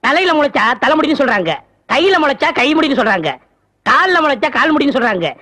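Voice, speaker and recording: A high, bright, fast-talking simpleton, asking one innocent silly question after another. His voice carries a whiny, pleading edge. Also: very animated, exaggerated voice. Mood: naive. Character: naive, simple-minded young village lad. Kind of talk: film comedy dialogue.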